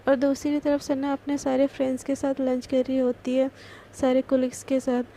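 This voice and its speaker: Woman storyteller, casual retelling, high voice, flat intonation. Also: moderate pace, slight background noise. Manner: conversational, plain retelling. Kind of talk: serialized story narration.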